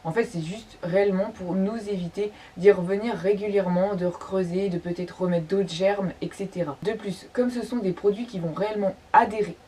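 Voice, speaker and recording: A woman's voice: medium pitch, fairly even intonation, brisk, few pauses, warm tone, breathy edge. A woman presenting shop products in a casual vlog, speaking with many fillers and restarts. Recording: slightly distant mic, faint background noise.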